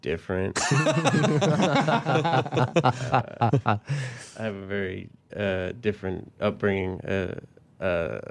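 Gravelly deep-voiced man from Colorado. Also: slight background noise. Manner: halting, searching for words. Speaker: magician guest. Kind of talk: casual chat.

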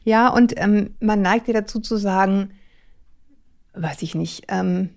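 A woman hosting a podcast conversation, chatty and teasing, with quick asides. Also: medium pitch, gravelly, darkish tone. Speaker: podcast host. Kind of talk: casual podcast chat.

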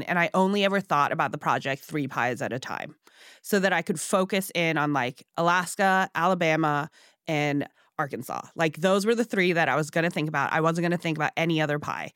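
A woman talking about her baking in a relaxed, chatty way, full of fillers and quick asides. Her voice sits a little low. The studio sound is dry and close. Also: clean tone, no room sound. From Singapore and Hong Kong. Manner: chatty, frequent fillers, laughs easily. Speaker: guest, pie baker. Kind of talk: casual interview chat.

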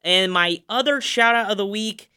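A man's voice: high voice, normal speed, sharp tone, clean tone. A man co-hosting a racing podcast, recapping the week's races in an upbeat, emphatic way with many fillers. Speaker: podcast co-host.

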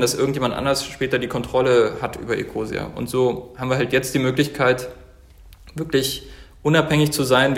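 A man in his thirties from Germany, a company founder talking earnestly as an interview guest, with many fillers and restarts. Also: mid-range voice. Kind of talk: casual interview talk.

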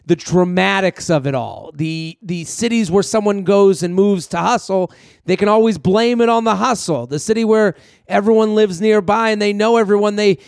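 A man with a high voice and plenty of fry delivers a casual solo podcast monologue. He rambles conversationally and addresses listeners directly, sounding clean and very dry. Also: moderate pace, darkish tone, dry recording. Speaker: comedian podcast host.

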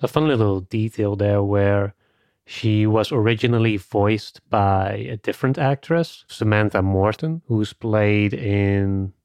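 A man's voice: lowish voice, a little mellow, no room sound, clean studio sound. A man co-hosting a film podcast, talking things through in a casual, conversational way with a lot of "you know" and "like.". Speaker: podcast co-host.

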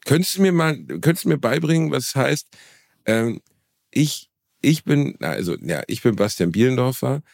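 A man's voice: fairly high pitch, big pitch swings, normal speed, vocal fry, dry recording, studio quality. A man from Germany co-hosting a podcast, joking and playing dumb in casual chat. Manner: playful, mock-naive, joking. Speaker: podcast co-host.

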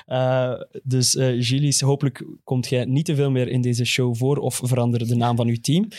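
A man's voice: mid-range voice, little pitch movement, moderate pace, a little mellow. A man with a Flemish Belgian accent, presenting in a casual, unscripted football chat.

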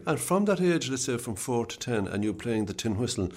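A man's voice: medium pitch, big pitch swings, brisk, darkish tone. A man, hosting a podcast interview in a conversational style.

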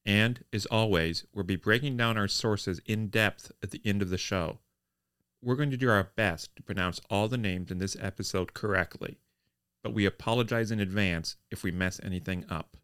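A man with a lowish, bright and very clear voice reads a scripted notice as a true crime podcast host. The sound is dry. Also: moderate pace, no echo. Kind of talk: scripted content warning read.

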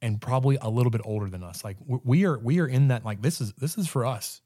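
Man in his thirties, mellow voice, chatty sports podcast host, dry sound. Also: medium pitch, fast, no echo. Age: 30s. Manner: animated storyteller, stammering restarts. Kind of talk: casual sports chat.

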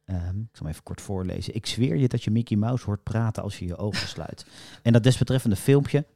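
Low-voiced Dutch man, dry sound. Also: fairly quick, creaky, mellow, no room sound. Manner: hesitant, many fillers. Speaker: podcast co-host, voice expert. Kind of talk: casual discussion.

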